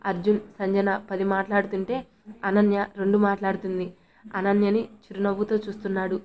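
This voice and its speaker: A woman's voice: medium pitch, monotone, fairly quick. A woman reading a romantic story aloud as narrator, speaking every character's lines in her own voice. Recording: dull lo-fi recording.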